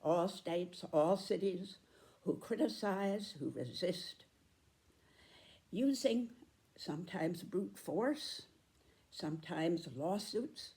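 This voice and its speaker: A woman in her nineties giving a reflective spoken commentary, with deliberate, emphatic phrasing and pauses. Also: on the low side, lively intonation, darkish tone. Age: 90s.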